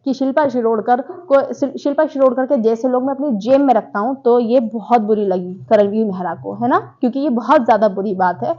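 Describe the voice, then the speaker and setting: A woman recapping a reality show episode in casual commentary, retelling events in an animated way and acting out the quoted lines. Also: a little high, fairly quick, hardly any pauses, muffled recording.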